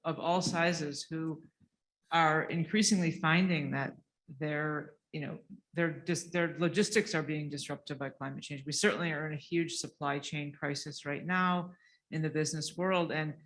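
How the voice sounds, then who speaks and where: A man speaking as a panelist, explaining his points conversationally and softening them as he goes. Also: on the high side, low-quality recording. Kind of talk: panel discussion.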